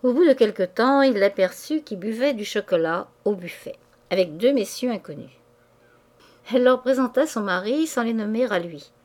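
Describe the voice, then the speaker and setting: A woman narrating a classic novel as an audiobook, in a measured, even reading voice. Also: a little high. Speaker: audiobook reader.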